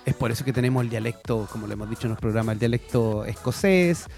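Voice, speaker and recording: In a radio studio, a man with a Chilean accent co-hosts a show, chatting casually and eagerly explaining things as he switches between Spanish and English. He talks fast in a mid-range, creaky, slightly mellow voice, with soft music in the background.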